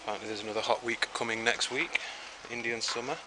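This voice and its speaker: A home gardener with a medium-pitched, steady voice talks fast as he gives a casual, chatty, rambling tour of his backyard vegetable garden. He's outdoors, speaking into the camera he's filming with, and outdoor noise can be heard behind him.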